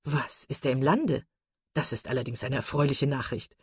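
A woman reading the part of a hearty, blustering country squire, blunt and loud. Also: rumbling low, normal speed, breathy edge, dry recording, studio quality, voice pushed down, heavily acted.

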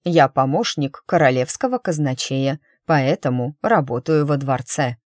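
A woman's voice: rumbling low, lively intonation, measured pace, darkish tone, no room sound, clean studio sound. A woman reading an audiobook voices an awkward young man, a court clerk who talks in a stiff, flustered way.

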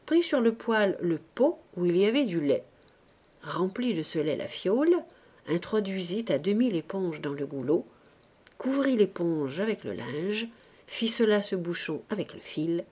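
A woman narrating a classic novel in a measured, expressive reading style. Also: medium pitch, husky. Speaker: audiobook narrator. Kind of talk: scripted literary narration.

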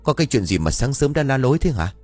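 A man's voice: mid-range voice, very animated, fast, a little mellow, no echo, faint music behind, pitched above the performer's own voice. A man voicing a haughty, ruthless lady of the house in a spoken story. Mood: sharp. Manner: haughty and cold. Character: cold ruthless middle-aged lady of the house.

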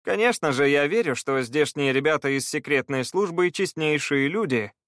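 Male reader playing an upbeat, practical treasure hunter with a teasing streak, higher voice, dry read. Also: lively intonation, moderate pace, a bit bright, dry recording. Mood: brisk. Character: cheerful brisk male treasure hunter, joking.

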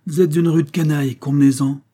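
A man's voice: medium pitch, normal speed, warm tone, natural voice. A man reading an angry, swearing aging wine salesman aloud from a novel. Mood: blustering. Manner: blustering, swearing. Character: hot-tempered aging male wine salesman.

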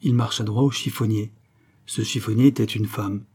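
A man narrating a classic novel in a steady, measured reading. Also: lowish voice, breathy edge. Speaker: audiobook narrator.

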